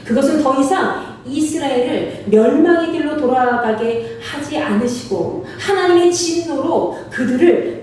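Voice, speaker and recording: A woman's voice: high-pitched, a little mellow, slight background noise. A woman pastor preaching a sermon, asking the congregation questions and acting out the quoted lines. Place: church sanctuary. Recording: very echoey hall, voice from far off.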